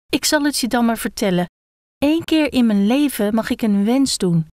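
A woman's voice: on the high side, animated, normal speed, darkish tone, dry recording, studio quality, lightly acted. A woman voicing a timid male gecko who hedges and doubts as he gives away a wish. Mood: explaining. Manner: hesitant, hedging, fussy.

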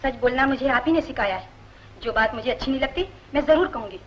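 A woman playing a proud, headstrong young married daughter, talking in a sharp, indignant, defiant way in 1960s film drama dialogue. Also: high-pitched, lively intonation, fast talker, highs cut off, a little hiss or hum. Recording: film soundtrack with faint music.

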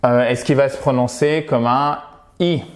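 A French-speaking man leads an online English pronunciation lesson. He talks in a lively, coaching way and models each word by saying it several times over. His voice sits at an ordinary middle pitch for a man. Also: a little slow. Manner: lively, coaching, models words by repeating them. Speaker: English teacher.

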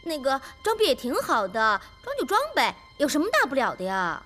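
A devoted young maidservant speaks in a very high, bright voice. Her pitch moves widely as she pleads, and she frets over her mistress, with faint music playing behind her. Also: huge pitch swings, brisk, exaggerated voice. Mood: pleading. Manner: pleading, fretful. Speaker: maid. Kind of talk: historical TV drama acting.

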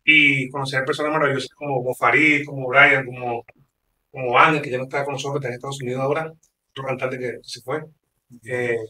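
A Venezuelan band member talks in an interview, grateful and halting with restarts. His voice is very bright but sits off the mic in a roomy studio with faint hiss. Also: medium pitch, steady tone. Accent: Venezuelan Spanish. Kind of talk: interview answers. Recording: roomy, a bit distant.

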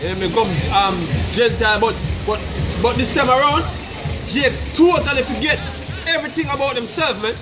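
A man's voice: extremely high pitch, moderate pace. A man in his thirties with a Jamaican accent, preaching insistently on a city street at night, often adding "you know what I mean" and "man". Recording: street crowd and music behind.

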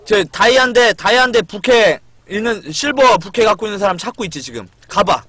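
A man streaming a game and chatting, swearing and shouting at a friend to get lost. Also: high-pitched, lively intonation, brisk, no echo. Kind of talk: live game stream chat.

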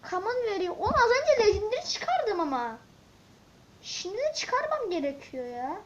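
A woman giving casual let's-play commentary, excitable and grumbling as she talks to viewers and the game. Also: extremely high pitch, normal speed. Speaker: gaming channel host. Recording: dull lo-fi mic with faint hiss and clicks.

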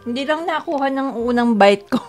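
A woman's voice: high voice, normal speed. Woman talking while chewing, music behind. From Pampanga, Philippines. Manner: relaxed, chatty, murmurs agreement. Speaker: food vlog co-host. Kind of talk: casual mukbang chat.

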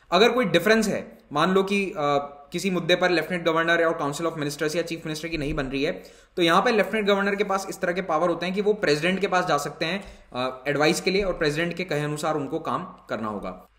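A man's voice: fairly high pitch, fairly bright tone, echoey room. A male educator giving an explanatory exam-prep lecture, switching between Hindi and English terms. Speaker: civil services exam educator. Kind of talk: lecture with course promotion.

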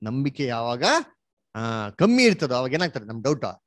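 A man's voice: medium pitch, sing-song, normal speed, no echo. A man teaching an interactive Bible study, asking his listener questions and having her read verses aloud, dropping English words into his talk. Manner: mixes English words into Kannada.

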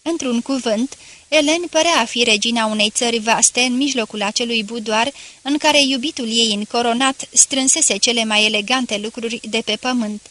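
A woman reading a classic novel aloud as an audiobook narrator, in a measured, literary manner. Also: fairly high pitch, sharp tone. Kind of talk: scripted narration.

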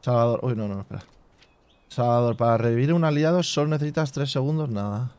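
A man hosting a casual let's play, reading game menus half to himself and chatting to his viewers with relaxed asides. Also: mid-range voice, quick pace, smooth, dry recording. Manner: chatty asides to viewers with filler tags like "tío". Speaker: gaming channel host.

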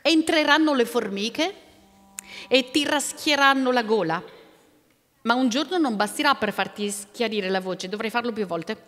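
A woman's voice: a little high, lively intonation, measured pace, a bit bright. A woman voicing a crafty old male sorcerer who gives instructions in a sing-song way. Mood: instructing. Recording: long reverb of a stone hall.

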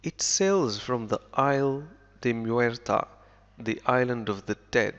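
Man reading as a sly jailed pirate captain. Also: mid-range voice. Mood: wry. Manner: slow, even read-aloud delivery. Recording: lo-fi with long reverb.

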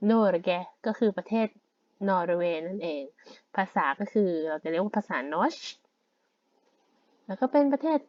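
A woman teaching a language lesson in a relaxed, casual way, explaining words one at a time. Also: medium pitch, no echo, muffled recording.

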